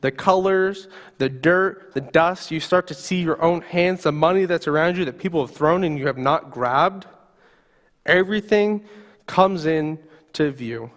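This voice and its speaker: A man's voice: a little high, normal speed, a bit bright, in a large hall. A male pastor preaching a sermon, telling a story vividly in the second person.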